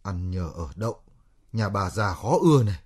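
An actor playing a bitter, hot-headed young man who complains loudly in a radio drama. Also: deep voice, animated, moderate pace, slightly rough.

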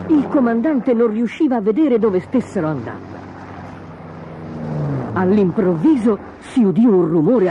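Woman storyteller, lively expressive reading, dull lo-fi sound, music playing behind. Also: lowish voice, noisy background. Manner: expressive, dramatic. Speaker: narrator.

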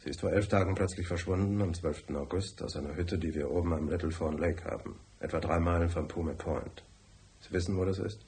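In this radio drama performance, a deep-voiced actor plays a brusque, wealthy, tight-fisted businessman client. He speaks a little fast with a darkish tone, terse and confiding, his manner curt, formal and bossy.

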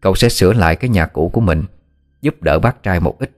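A man narrating a ghost story in a measured, steady way. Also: sits low. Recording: faint background music.

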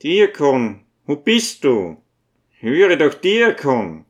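A man putting on a gentle old priest, high and mild. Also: big pitch swings, takes it slowly. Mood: coaxing. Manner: soothing, earnest, coaxing questions.

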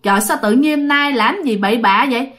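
A woman's voice: a little high, brisk, fairly bright tone, lightly acted. A woman voicing a worried young village wife. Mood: scolding.

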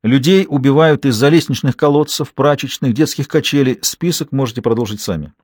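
A man reading an audiobook, voicing an angry woman who shouts sharply and cuts people off. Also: mid-range voice, fairly quick, dry recording, studio quality, lightly acted. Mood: explaining. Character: furious fiery woman, mid-argument. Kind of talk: audiobook character voice.

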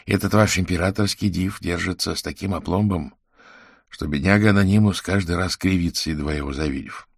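A man voicing a calm adult sorcerer who speaks gently and patiently. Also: deep voice, a little fast, vocal fry, breathy edge, dry recording, studio quality, heavily acted. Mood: earnest. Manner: soft and reassuring, drops to a hush.

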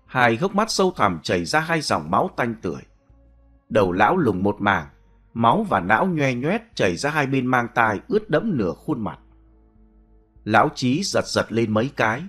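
Male horror audiobook narrator, animated pitch, dramatic reading. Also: breathy edge. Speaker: storyteller. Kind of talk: scripted horror story narration.

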